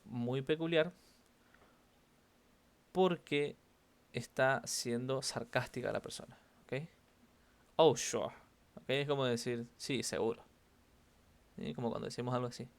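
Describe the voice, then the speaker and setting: A man's voice: mid-range voice, steady tone, normal speed, creaky, clear, resonant tone. Man, Rioplatense accent, teacher, walks through intonation patterns by repeating example phrases with stress. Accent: Rioplatense Spanish. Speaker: English teacher. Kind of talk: online class explaining intonation.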